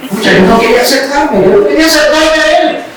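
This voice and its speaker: Amid crowd noise, a very high-pitched, animated man talks fast, preaching in an Ecuadorian Spanish accent. He shares a personal story and asks his listeners small questions, recorded from a distant mic in a very echoey room with faint hiss.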